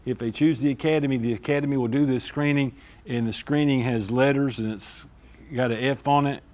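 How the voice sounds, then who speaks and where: A man's voice: medium pitch, fairly even intonation, brisk, a little mellow. A man, a school district administrator explaining discipline procedures at a staff meeting in an informal way, often checking in with "all right?".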